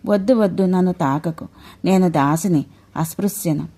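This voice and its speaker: A grieving young queen pleads through tears, her voice raised and strained, in a mythic tale, as a woman storyteller puts her on. The words come in anguished, halting appeals. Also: lowish voice, dark tone. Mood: pleading. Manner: tearful, pleading.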